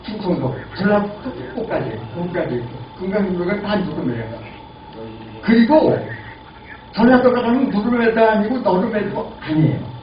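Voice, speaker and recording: A man in his eighties giving a lively lecture and asking the audience questions. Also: sits high, moderate pace. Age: 80s. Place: lecture room. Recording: lo-fi, echoey, distant, noisy.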